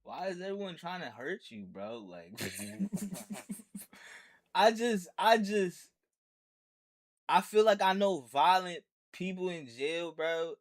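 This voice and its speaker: A man hosting a reaction video who reacts in disbelief, laughing often and breaking into loud outbursts. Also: high-pitched, lively intonation, takes it slowly, pauses often. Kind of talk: casual reaction commentary.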